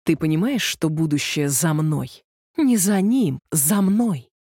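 A woman reading an audiobook, voicing an arrogant young male musician in a lower, slow, self-satisfied voice. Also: animated, dark tone, breathy edge, no room sound, clean studio sound, heavily acted. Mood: menacing.

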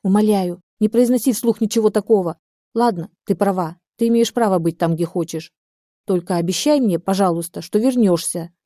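A woman's voice: medium pitch, moderate pace, dark tone, no room sound, clean studio sound, natural voice. A woman reading the part of a frantic, furious young woman on the phone, pleading and hysterical.

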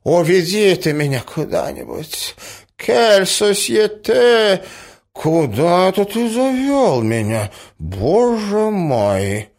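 Guy playing a confused old prince, slow and wandery, all over the place pitch-wise. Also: sing-song, darkish tone, heavily acted. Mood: flustered. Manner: rambling, vague, flustered. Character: old, forgetful, muddled prince.

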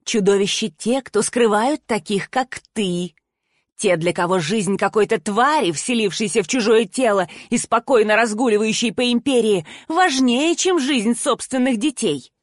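Woman reading as a contemptuous fanatical villainess in an audiobook, slow and menacing, dry close sound. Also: a little high, no room sound, lightly acted.

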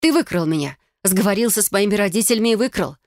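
A hot-tempered young witch, voiced by a woman reader, lashes out in shrill, shouted bursts. The sound is dry and close, as in a fantasy audiobook. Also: animated, quick pace, no room sound, natural voice. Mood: furious.

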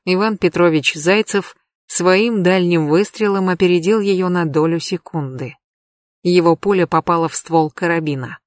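A woman's voice: on the low side, dry recording. A woman narrating an audiobook in a dramatic reading, close to the mic. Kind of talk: scripted narration.

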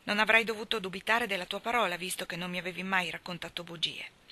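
A woman reading aloud, voicing a strict but fair older farm woman who speaks in a measured, solemn way. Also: fairly low pitch, little pitch movement, sharp tone. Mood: earnest. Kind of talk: audiobook reading.

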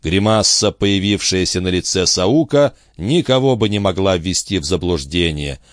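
A man narrating an adventure novel in a steady, expressive reading style. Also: low-pitched, normal speed, no room sound, studio quality. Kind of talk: audiobook narration.

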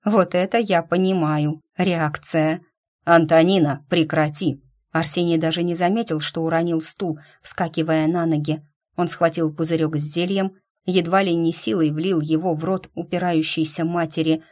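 A woman reading a first-person fantasy novel aloud in steady storytelling narration. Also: on the low side, normal speed. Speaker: audiobook reader.

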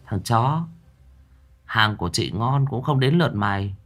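A man's voice: on the low side, lively intonation, a little slow, fairly bright tone, faint music behind. A man voicing a tough young female police officer who talks in a cold, commanding way.

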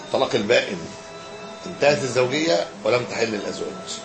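A man with an Egyptian accent teaching a religious lesson as a sheikh, explaining and briskly answering students' questions. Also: medium pitch, animated, over music. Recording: echoey hall with background noise.

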